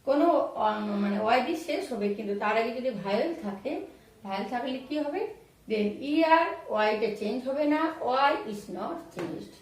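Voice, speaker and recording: A woman teaching English grammar in Bengali, spelling out words letter by letter and repeating examples slowly. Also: fairly high pitch, animated, far from the mic. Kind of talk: explaining grammar rules to students. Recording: very echoey room, voice off-mic.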